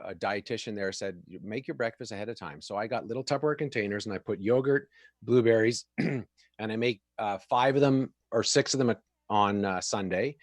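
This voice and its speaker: A man's voice: fairly low pitch, no echo, clean studio sound. A man hosting a casual live chat show, laughing easily and poking fun at himself. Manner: laughs often, chatty, self-deprecating. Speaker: show host.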